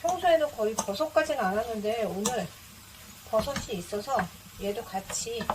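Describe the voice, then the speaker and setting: A rather high-pitched woman hosts a casual home cooking video. She explains each step in an easygoing way. There is clear kitchen noise behind her, with clicks and chopping. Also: animated, moderate pace. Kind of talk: casual cooking narration while cooking.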